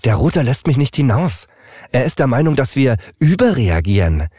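A man's voice: mid-range voice, very animated, moderate pace, mellow, no room sound, clean studio sound, pitched above the performer's own voice. A man reading an audiobook, voicing an earnest, worried smart refrigerator. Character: anxious smart fridge, worried leader.

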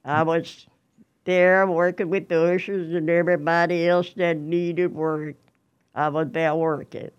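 Slow-talking, rambling hundred-year-old woman. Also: lowish voice, level tone, clear, resonant tone, dull audio. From Tennessee, USA. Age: 100. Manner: rambling, repeats phrases, laughs often. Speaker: choir member, interview guest. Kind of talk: casual interview chat.

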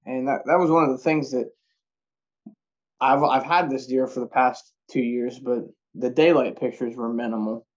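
A man's voice: medium pitch, fairly even intonation, moderate pace. Man telling hunting stories, muffled audio. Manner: rambling, folksy phrasing. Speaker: deer hunter. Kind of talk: casual storytelling about hunting. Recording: dull lo-fi audio.

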